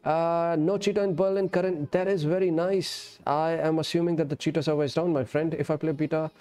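With a fairly high, steady voice that sounds warm, clear and resonant, this man talks briskly and casually while streaming a game from an indoor setup, music playing behind him. He's friendly, calls his viewers friend and brother, and moves between English and Urdu.

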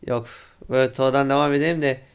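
A man's voice: mid-range voice, steady tone, quick pace, smooth. A young man hosting a gaming channel, giving casual commentary on his play, exclaiming in frustration and talking to viewers as friends.

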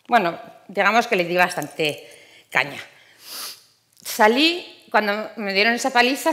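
A woman's voice: a little high, sharp tone. Brief: middle-aged woman from Spain, ironic first-person stage monologue, repeats words for effect. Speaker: speaker giving a monologue. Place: theater stage.

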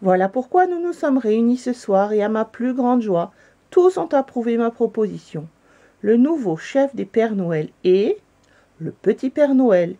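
A woman plays an aging chief Father Christmas in a storybook, raising her voice high for him. He speaks solemnly and ceremoniously, in a mellow tone. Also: lively intonation, a little slow, dull audio.

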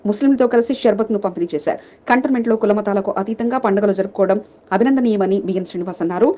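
A woman reading scripted local news as a voice-over, rattling through long lists of names. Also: medium pitch. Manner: rapid, even newsreading through long name lists. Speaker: news reader.

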